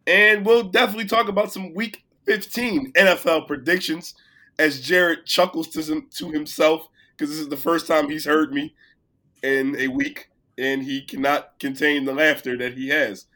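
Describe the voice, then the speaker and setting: Male podcast co-host with a sick, cracking voice; bright, high-ish tone, loud when excited. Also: moderate pace. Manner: playful, boastful, gets loud when excited. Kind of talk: casual sports chat.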